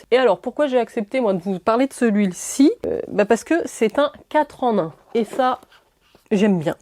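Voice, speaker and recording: Woman, French accent, beauty vlogger, chatty, enthusiastic, halting, warm mellow tone. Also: medium pitch. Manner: chatty, enthusiastic, frequent fillers and restarts. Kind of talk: product review vlog.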